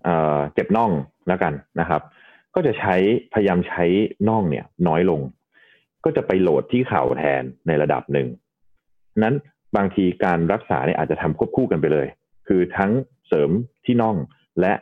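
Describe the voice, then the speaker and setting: A man with a very deep voice speaks as a doctor guest on a podcast. He explains injuries patiently, one step at a time, with polite softeners. His voice comes through a thin, phone-like line. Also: lively intonation, moderate pace.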